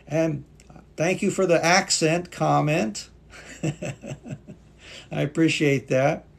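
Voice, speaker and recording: A native English-speaking man teaches English on a live stream, patiently reading out viewers' comments and thanking them. His voice is a little high with vocal fry, and he speaks slowly.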